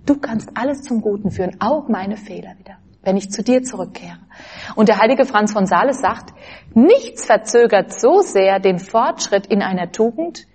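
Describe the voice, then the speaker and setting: A woman giving an earnest spiritual talk, quoting saints and scripture in a gentle way. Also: medium pitch, slightly rough. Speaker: religious speaker.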